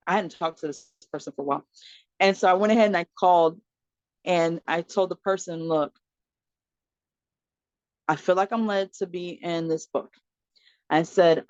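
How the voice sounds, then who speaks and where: A woman's voice: low-pitched, no echo, highs cut off. A woman, a podcast guest and mother of four, telling a personal story in conversation, acting out what others said to her, with laughter and fillers. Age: adult mother of four. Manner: animated storyteller acting out quoted dialogue.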